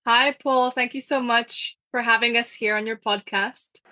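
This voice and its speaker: A woman's voice: fairly high pitch, steady tone, a little slow, pushed and bright. A woman from Spain, a guest on a podcast, talking in a friendly, polite way.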